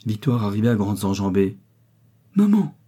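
A man reading a classic novel aloud in a measured narrating voice. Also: on the low side, fairly even intonation, mellow, husky. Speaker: audiobook reader. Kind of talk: literary audiobook narration.

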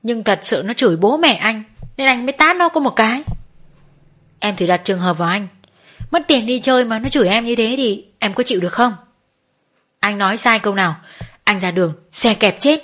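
A woman's voice: fairly high pitch, brisk, a bit bright. A woman voicing a tipsy middle-aged man who pleads and justifies himself. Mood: defensive. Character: drunk middle-aged male customer, defensive.

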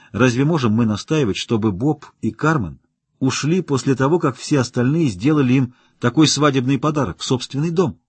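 A man reads a novel aloud with a slightly husky, breathy tone and a lively, swinging pitch. He voices each character's dialogue in turn, and the recording is close and dry with no room sound. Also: no echo. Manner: lively reading, lifting his pitch for female characters' lines. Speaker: audiobook narrator. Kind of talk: scripted narration with character voices.

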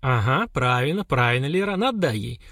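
A man's voice: medium pitch, sing-song, moderate pace, fairly bright tone, dry recording, clean studio sound. A man voicing a stern, mocking older woman warrior who scolds the girls. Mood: scolding.

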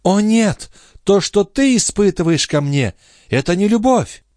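A man voicing Lorenza, a passionate, sorrowful young clairvoyant wife, in a high, imploring, tearful tone in an audiobook reading. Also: lively intonation, unhurried, a little mellow, no echo, clean studio sound. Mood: pleading.

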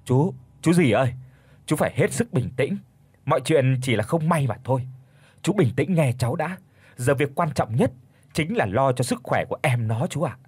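Man doing an earnest, polite young guy, husky, lively. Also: mid-range voice, moderate pace, dry recording. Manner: earnest, reassuring.

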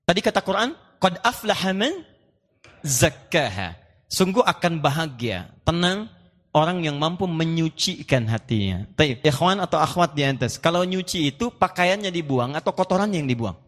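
A man with a somewhat high voice preaches a sermon to a live audience at a moderate pace, with a long reverb tail. Playful and animated, he acts out little dialogues and recites Quranic verses.

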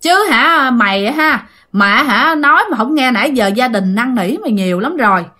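A woman's voice: fairly high pitch, expressive, moderate pace, pushed and bright. A woman voicing a stern old female exorcist scolding a ghost. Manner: scolding, threatening.

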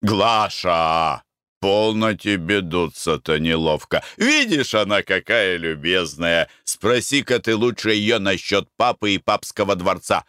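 A man doing a henpecked husband in a storybook, coaxing and wheedling, his voice low but lively. The sound is dry and close to the mic. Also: unhurried, smooth, no echo, full character voice. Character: henpecked, pleading middle-aged husband.

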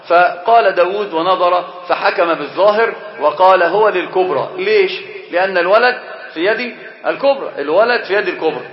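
A man teaching a religious book as a sheikh, lecturing in an animated way. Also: fairly high pitch. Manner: animated, acts out quoted speech. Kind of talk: Islamic lecture. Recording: roomy, dull lo-fi lecture recording.

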